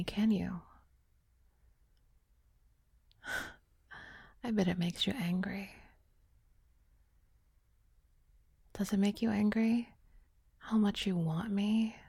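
A woman voicing a scornful young ex-girlfriend in an audio roleplay, with a mocking manner that often drops to a low whisper. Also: darkish tone, dry recording, clean studio sound.

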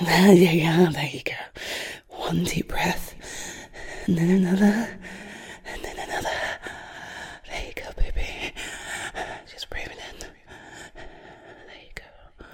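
A woman voicing an obsessive, unhinged female stalker in a whispered audio roleplay, crooning slowly and intimately in a breathy voice. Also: natural voice. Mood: menacing soothing. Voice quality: breathy whisper with creaky low tones. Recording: roomy echo.

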